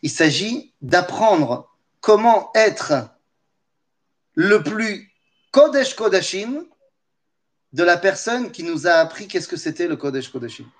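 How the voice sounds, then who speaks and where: A man giving a lesson as lively storytelling, with humorous asides and questions to his listeners. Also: sits high, takes it slowly, long pauses. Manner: animated, humorous asides, talks to listeners directly. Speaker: teacher of Torah.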